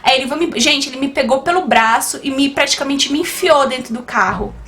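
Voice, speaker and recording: A young woman with a high, bright voice tells a personal story to her channel. She is animated and chatty, and she keeps turning to her viewers as she talks. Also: a little fast, a little hiss or hum. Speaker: YouTuber. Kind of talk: storytime vlog.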